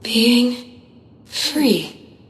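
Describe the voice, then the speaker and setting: A woman's voice: on the high side, lively intonation, drawn-out words, roomy sound. An actress playing an earnest, tentative young female pirate crewmate in a video game. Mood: uncertain.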